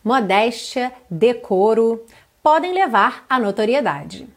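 Her voice a little high and animated, a Brazilian teacher works through song lyrics in an online English lesson, reading them slowly and with care and then translating.

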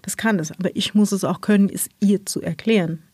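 A woman's voice: mid-range voice, fairly even intonation, brisk, darkish tone, husky, no room sound. A woman working as an animal trainer, explaining conversationally in an interview. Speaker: zoo animal training specialist.

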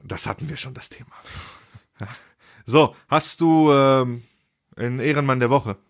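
A man's voice: medium pitch, measured pace, creaky, dry recording, clean studio sound. A man co-hosting a casual podcast, telling an anecdote in slangy speech and acting out the voices of the people in it. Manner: slangy, animated storyteller acting out dialogue. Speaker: podcast co-host. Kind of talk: casual chat, anecdote storytelling.

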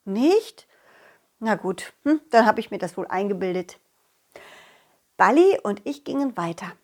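A woman narrating a children's audio story in a playful, animated way, also speaking as the main character. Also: mid-range voice, normal speed.

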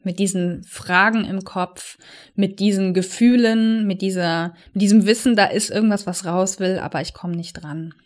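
Speaking as a coach, this woman, likely in her thirties, offers the listener a reflective, personal monologue. She has a mid-range voice with fairly even intonation, sounding soft and earnest as she eases her pace to stress important words.

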